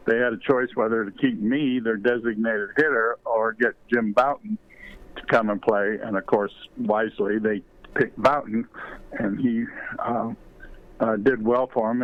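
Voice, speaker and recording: A man's voice: on the low side, fairly even intonation, normal speed. Older man telling stories over a phone line. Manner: rambling anecdotal storytelling with many fillers. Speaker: interview guest, former ballplayer and author. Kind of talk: storytelling in a podcast interview.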